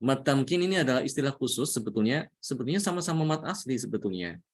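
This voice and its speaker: A man's voice: mid-range voice, animated, fast, slightly rough. A man with an Indonesian accent teaching a Quran recitation lesson, patiently repeating each point and often adding "ya". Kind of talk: religious lesson.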